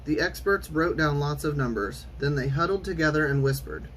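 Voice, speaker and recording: A man reading a children's storybook aloud in an expressive, theatrical way with clear enunciation. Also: on the high side, moderate pace, slight background noise, rough recording. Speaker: storytime reader.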